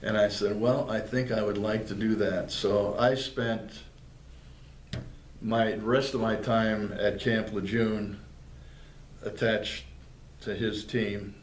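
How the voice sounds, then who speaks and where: A man's voice: fairly low pitch, little pitch movement, slow pace, pauses often. Older man, plainspoken veteran, fillers and restarts, echoey room, faint hiss. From northeastern Pennsylvania. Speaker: veteran interviewee. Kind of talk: oral history interview. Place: public library room. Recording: roomy, with faint background noise.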